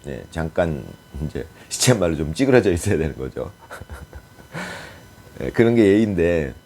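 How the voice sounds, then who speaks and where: A man giving a casual political commentary monologue, speculating aloud and pausing often with hesitant fillers. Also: low voice, big pitch swings, darkish tone.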